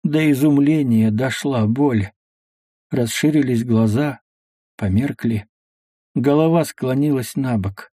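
A man narrating a novel as an audiobook, slow and dramatic in delivery. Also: medium pitch, mellow, slightly rough, no room sound, studio quality. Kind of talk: scripted literary narration.

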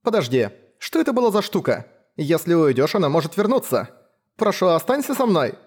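Young woman hunter, voiced by a man: bold, coaxing, pitched up. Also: sing-song, a little fast. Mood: pleading.

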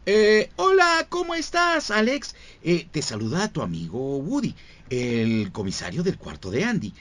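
A man's voice: fairly high pitch, huge pitch swings, unhurried, fairly bright tone, voice pushed up, heavily acted. A man voicing a friendly, caring toy cowboy sheriff from a cartoon, earnest and folksy. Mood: friendly, admonishing.

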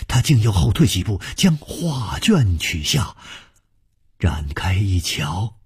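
A man telling a traditional Chinese story with dramatic, drawn-out phrasing. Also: low voice, sing-song, a little mellow, breathy edge, dry recording, clean studio sound.

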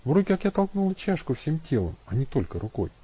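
A man's voice: a little high, very animated, fast, dark tone, breathy edge, dull audio, voice pushed up. A man voicing a simple, stubborn young woman who pleads in a raised, plaintive voice in an audiobook.

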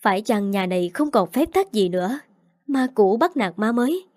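A woman reading the part of an indignant older mother-in-law who complains loudly. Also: mid-range voice, expressive, normal speed, no echo, clean studio sound, natural voice.

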